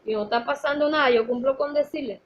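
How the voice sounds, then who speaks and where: A woman's voice: high voice, fast, highs cut off, slight background noise. A woman teaching a Sunday school class at church, earnest and storytelling, addressing her listeners as brothers and sisters.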